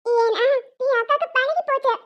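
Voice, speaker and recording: A woman's voice: very high-pitched, moderate pace. A woman voicing an earnest little boy who loyally pleads for his elder sister in a cartoon. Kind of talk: cartoon voice acting. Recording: dull lo-fi sound.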